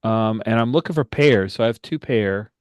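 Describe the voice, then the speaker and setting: A man's voice: lowish voice, moderate pace, clear, resonant tone, no room sound. A man playing a tabletop game online, hesitant and asking questions while describing his character's actions. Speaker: player. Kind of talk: tabletop roleplaying chat.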